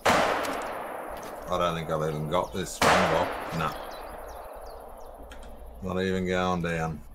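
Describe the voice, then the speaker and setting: A man's voice: sits low, little pitch movement, slow pace, very noisy. A man with an Australian accent chatting easygoingly while playing a hunting game with a friend. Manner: easygoing, apologetic. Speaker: co-player on stream. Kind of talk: casual gameplay chat.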